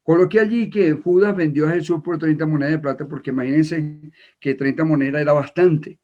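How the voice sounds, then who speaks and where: An Ecuadorian man preaching a sermon in a halting way, with many repeated words and fillers. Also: fairly high pitch, steady tone, warm tone. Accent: Ecuadorian Spanish. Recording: dull lo-fi recording.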